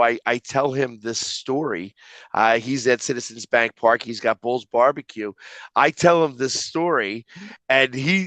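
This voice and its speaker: A man in his fifties from the Philadelphia area, a guest telling animated stories in a casual interview. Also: a little high, no room sound. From Philadelphia area, USA. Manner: animated anecdotal storyteller.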